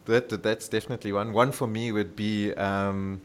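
A man's voice: lowish voice, fairly even intonation, normal speed, clear, resonant tone. A man hosting a casual podcast interview, playful and laughing often as he asks questions. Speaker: podcast host.

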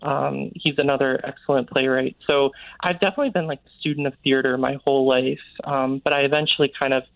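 Speaking informally in an interview, this guest author, an American man from Connecticut, fills his talk with "like." He talks quickly in a mid-range voice with a steady tone and some vocal fry, and the dry recording sounds thin and tinny, like a phone line.

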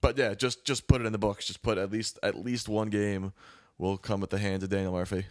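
A man co-hosting a casual podcast, answering in a calm, measured way. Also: fairly low pitch, no echo, clean studio sound. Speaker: podcast co-host. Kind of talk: casual chat.

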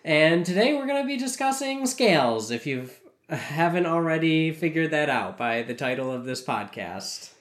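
A man with a gravelly voice, getting over a cold, talking casually and informatively as a podcast co-host. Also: a little high, big pitch swings, normal speed. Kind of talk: casual educational podcast talk. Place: cold whitewashed makeshift studio room. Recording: hollow, echoey bare room.

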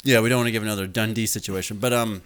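A man's voice: lowish voice, steady tone, very fast, fairly bright tone, clean tone. A young man co-hosting a casual podcast chat, rambling and self-mocking, laughing often. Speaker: podcast co-host.

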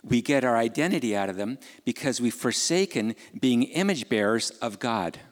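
A man's voice: mid-range voice, expressive, moderate pace. A man preaching a sermon in a conversational way, asking his listeners questions and adding casual asides. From Ukraine. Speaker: pastor. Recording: long hall reverb.

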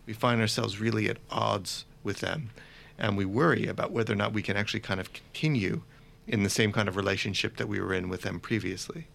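A man co-hosting a philosophy podcast, explaining ideas in a measured way. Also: on the low side, fairly even intonation, gravelly, fairly bright tone. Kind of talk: conversational philosophy discussion.

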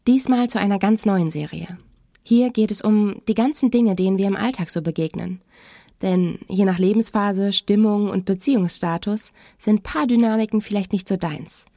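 A woman's voice: mid-range voice, normal speed, dark tone, dry recording, clean studio sound. A woman therapist hosting her podcast, reading a story and commenting in a conversational, self-ironic way. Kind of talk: podcast narration.

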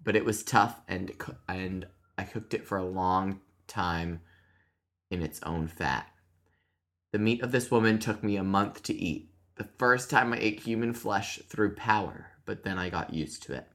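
A woman's voice: very deep voice, a little slow. A woman reading aloud the confession of a male Russian killer, putting on a half-hearted voice for him. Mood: reading flatly. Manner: flat confession read aloud, breaking into giggles. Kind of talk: true crime podcast reading.

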